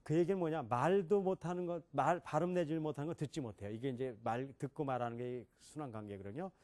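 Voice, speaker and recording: A man's voice: on the high side, fast talker, a little mellow. A middle-aged man giving a classroom lecture on English pronunciation, questioning his listeners and demonstrating sounds.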